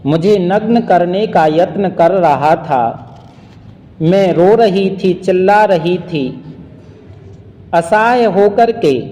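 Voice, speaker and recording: A man's voice: high-pitched, a little mellow. A man quoting a wronged, reproachful queen. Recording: long hall reverb.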